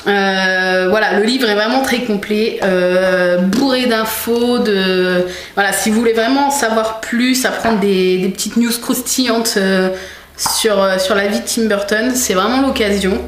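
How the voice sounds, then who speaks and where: A young woman vlogs casually from a room at home in a medium-pitched, slightly slow voice, showing things to the camera with lots of fillers and restarts. The room is echoey, with faint noise in the background.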